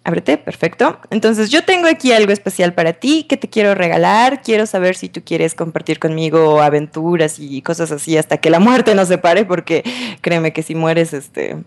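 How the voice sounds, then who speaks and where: A woman's voice: on the low side, expressive, normal speed. A woman giving playful, chatty let's play commentary as a gamer, talking to the game's characters in a teasing role-play.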